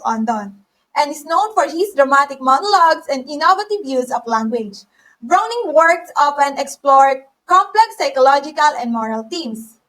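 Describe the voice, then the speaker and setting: High-voiced woman presenting a lesson. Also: a bit bright. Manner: upbeat, addresses the class directly. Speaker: student teacher presenting a lesson. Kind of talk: recorded teaching demonstration.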